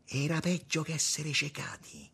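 A man reading a novel aloud with expressive storytelling. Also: fairly high pitch, moderate pace, gravelly, breathy edge. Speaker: narrator.

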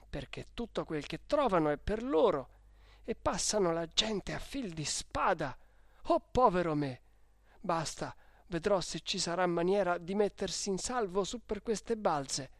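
A man voicing a fearful, fussy old village priest who scolds in anxious hushed tones. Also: high voice, dry recording, studio quality. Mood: fretful.

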